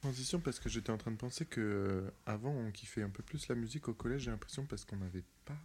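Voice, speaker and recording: A man's voice: on the low side, quick pace, darkish tone. A man in his twenties in a casual podcast chat, laid-back and slangy. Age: 20s.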